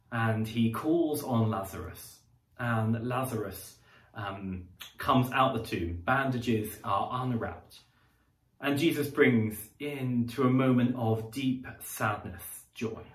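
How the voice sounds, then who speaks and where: A man giving a sermon, speaking in a conversational, reflective way with pauses and fillers, in a church. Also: medium pitch. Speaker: preacher. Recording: roomy echo, distant mic.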